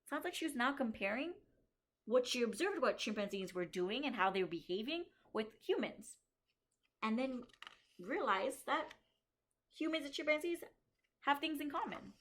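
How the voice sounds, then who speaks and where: A woman's high-pitched, pushed, bright voice reads a picture book aloud to young children. As a kindergarten teacher, she pauses to think aloud and explain the author's and illustrator's work, and she slows down to emphasize key story lines.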